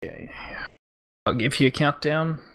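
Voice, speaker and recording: A podcast host opening the show and chatting with a relaxed, easygoing manner. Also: medium pitch, a crowd in the background. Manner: relaxed, easygoing, brisk scripted intro. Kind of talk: casual podcast chat and show intro.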